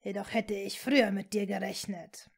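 A woman voicing an evil male dark wizard who talks in a cold, mocking, hissing way. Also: medium pitch, steady tone, gravelly, slightly rough. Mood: scornful. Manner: slow, scornful, hissing.

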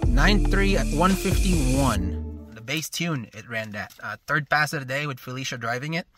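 Filming himself at arm's length, a man in his thirties who owns a shop shows off his car in a laid-back vlog, starting in the garage and continuing while driving. Soft music plays behind his mid-range voice, which moves at a moderate pace, meandering and full of ums.

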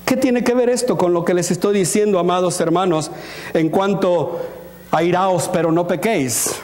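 A pastor preaching a sermon in a church, asking the congregation questions, acting out little scenes and slipping in English words. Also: male voice, sits high, normal speed, a little hiss or hum. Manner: animated, asks the congregation questions and acts out scenes. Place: church hall. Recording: long reverb of a church hall.

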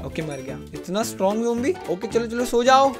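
A man's voice: very high-pitched, very animated, fairly quick, faint music behind. A young man with an Indian accent giving joking, self-mocking commentary while playing a game, mixing English into his talk. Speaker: gaming YouTuber. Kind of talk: casual gameplay commentary.

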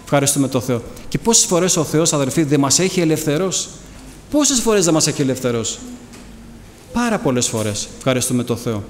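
A middle-aged man preaches with fervour, pressing his listeners with rhetorical questions and repeated thanksgiving. His voice sits high for a man. The recording carries the long echo of a hall, with a faint background noise underneath. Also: lively intonation. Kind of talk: sermon with personal testimony.

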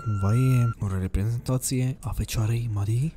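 A man's voice: mid-range voice, background noise. A young man playing a horror game on a desk microphone, commenting casually, swearing and yelping when startled. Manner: jumpy, swears a lot, yelps and shouts when scared. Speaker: gaming streamer. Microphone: desk USB microphone.

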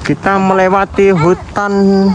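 A man's voice: high-pitched, level tone, slow pace, muffled recording, a little hiss or hum. A man chatting casually in short, offhand remarks for a night vlog, filmed outdoors on a handheld phone. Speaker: vlogger, adult accompanying a child. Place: outdoors on rural paths and fields at night.

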